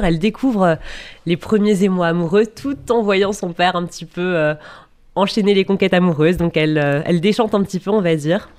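A woman's voice: on the low side, darkish tone. Easygoing woman sharing a summer read. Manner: easygoing, frequent fillers. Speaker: radio guest.

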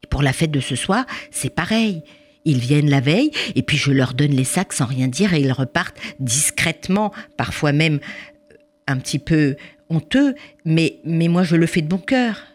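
A woman's voice: sits low, expressive, normal speed, darkish tone. A woman voicing a flustered mother busy in the kitchen, who stammers and protests. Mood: earnest, explaining. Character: flustered mother cooking for the holiday.

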